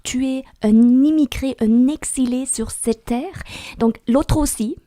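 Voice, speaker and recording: A woman's voice: high-pitched, slow pace, dark tone, no echo, clean studio sound. A woman on a Bible study panel, speaking reflectively and often adding small tag words as she talks. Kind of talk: religious panel discussion.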